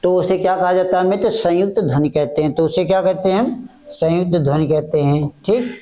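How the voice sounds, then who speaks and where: A man's voice: high voice, dark tone. A man teaching an exam-prep grammar lecture, asking questions and answering them himself, repeating each point several times. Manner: slow, halting delivery that restates fragments.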